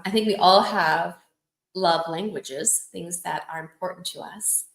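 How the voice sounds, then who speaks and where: A woman hosting a support livestream, talking casually and affectionately, telling personal stories and encouraging her viewers. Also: on the low side. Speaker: host of a lupus support livestream. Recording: roomy echoey room.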